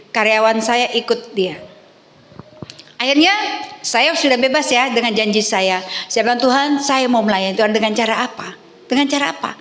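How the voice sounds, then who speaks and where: A middle-aged woman pastor preaching a sermon in a church, telling her story with lively questions to the congregation. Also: sits high. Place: church hall. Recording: echoey hall with long reverb.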